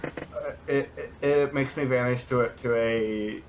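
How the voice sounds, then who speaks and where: A man's voice: mid-range voice, fairly even intonation, normal speed, slight background noise, poor audio. A man playing in a tabletop game, answering in a dry, matter-of-fact way. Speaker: player. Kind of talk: casual tabletop play.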